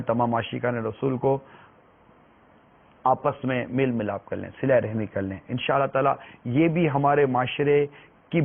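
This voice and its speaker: A man giving a religious talk, pleading earnestly and repeating his phrases. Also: mid-range voice. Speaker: preacher. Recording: tinny phone-like sound.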